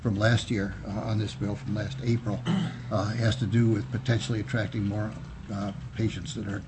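Halting, low-voiced man giving official testimony. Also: little pitch movement. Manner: measured politician-like official delivery, halting with frequent pauses. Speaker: physician and state health official testifying. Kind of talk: formal legislative testimony. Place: indoor legislative committee room. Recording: noisy public hearing room audio.

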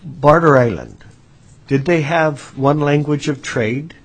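Slightly high, slow, and a little rough, this man's voice belongs to an American legislator questioning a witness in formal hearing testimony. He restarts frequently and repeats words.

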